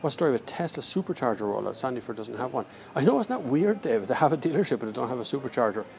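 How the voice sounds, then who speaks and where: An Irish man with a gravelly, creaky voice rambles casually through a live question session. He is slangy and jokey, speaking at an average pitch into a phone in an airport terminal with faint noise around him. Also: very animated, rapid-fire, a little mellow. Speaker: car reviewer livestreaming. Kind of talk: casual live chat, answering viewer questions. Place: large indoor airport terminal. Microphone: handheld phone.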